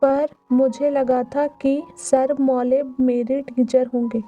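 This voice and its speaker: A woman's voice: sits high, level tone, slow pace, narrow, tinny audio, faint music behind. Isabel, a woman reading as a bold little princess. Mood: earnest. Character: small princess girl, bold and outspoken.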